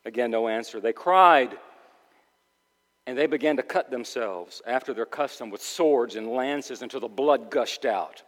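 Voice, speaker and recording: A man preaching a sermon, reading Scripture aloud with dramatic rises into near shouts. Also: mid-range voice, a little slow. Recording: long reverb of a large hall.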